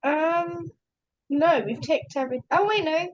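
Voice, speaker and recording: A young woman with a high voice co-hosts a podcast in casual chat. She is losing her voice, and she hesitates often and leans on "um". Her delivery stays relaxed. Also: a little slow, muffled recording. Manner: hesitant, many fillers. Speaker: podcast co-host.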